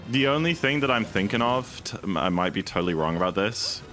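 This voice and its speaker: A man's voice: lowish voice, animated, fairly quick, fairly bright tone, soft background music. A man streaming a speedrun, chatting casually and rambling with lots of fillers while he reads and answers his chat.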